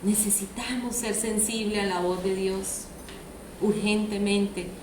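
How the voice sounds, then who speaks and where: A woman's voice: medium pitch, level tone, takes it slowly. A woman preacher, delivering a sermon and often asking the audience questions. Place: church hall. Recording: echoey church room, faint noise.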